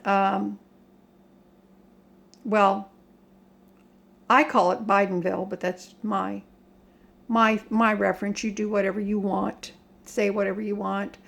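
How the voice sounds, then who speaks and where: Slow-talking older American woman. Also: mid-range voice, creaky. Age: older, 60s or above. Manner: halting, emphatic, plain-spoken. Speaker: home vlogger. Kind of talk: casual rant to viewers. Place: home kitchen.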